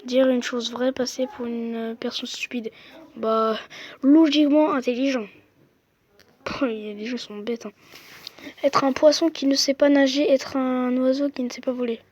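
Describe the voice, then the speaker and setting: A young speaker with a high, light voice chats loosely with viewers while tapping through a quiz game. The talk is slangy and offhand, picked up by a phone microphone. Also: fairly even intonation, moderate pace, darkish tone. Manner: chatty, slangy, talks to viewers. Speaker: gamer playing a quiz app. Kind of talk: casual gaming commentary.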